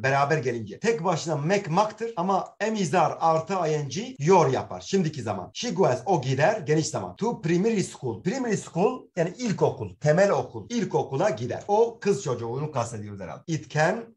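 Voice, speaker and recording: A middle-aged male teacher takes students through English grammar and translates each example sentence aloud. His voice sits a little high for a man and moves animatedly up and down. He explains patiently, step by step. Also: darkish tone.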